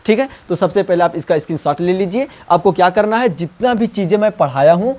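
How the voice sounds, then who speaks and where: A man teaching math, coaxing students and repeating number names slowly. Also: high voice, animated, a little mellow. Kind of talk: classroom lesson.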